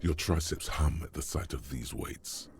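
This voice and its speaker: A cavernous wry game narrator. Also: male voice, a bass voice, a little slow, creaky, over music, heavily acted. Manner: wry, commanding second-person narration. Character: grave male narrator and inner voice of a detective game.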